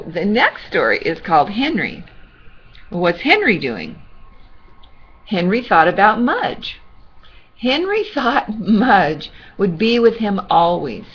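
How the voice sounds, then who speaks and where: Reading a children's storybook aloud, a sweet and gentle older woman pauses for chatty, reassuring asides to a child like a grandmother would. Her voice is mid-range with a breathy edge, captured in lo-fi sound.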